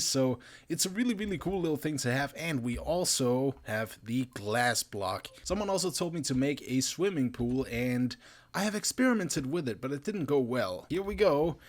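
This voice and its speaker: A man with a tired voice doing casual gameplay commentary as a video host, getting excitable as he shows off his builds. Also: medium pitch, normal speed. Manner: excitable, laughs and exclaims while playing. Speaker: gaming YouTuber.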